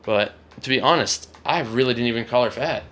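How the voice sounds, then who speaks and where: A man's voice: mid-range voice, fairly quick, a bit bright, slight background noise. A young man casually rambling through a storytime about his past, often correcting himself. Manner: rambling, self-correcting, shrugging off. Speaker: vlogger.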